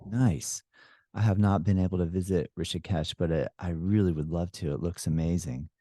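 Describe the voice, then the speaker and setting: Deep, mellow-voiced male podcast host. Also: steady tone, moderate pace, no room sound, clean studio sound. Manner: warm, appreciative, laughs easily. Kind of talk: casual interview conversation.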